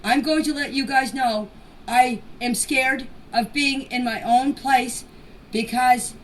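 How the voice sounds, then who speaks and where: In noisy voice messages recorded at a distance from the mic, a woman with a high, fairly bright voice makes an unscripted personal statement. She speaks plainly and with emphasis, repeating phrases to drive her points home.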